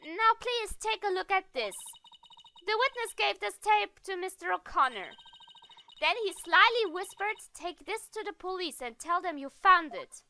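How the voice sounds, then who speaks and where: A woman's voice: very high-pitched, animated, normal speed, bright, forceful tone, a little hiss or hum, pitched above the performer's own voice, exaggerated voice. A woman voicing a confident young defense lawyer who speaks in an accusing, declamatory way.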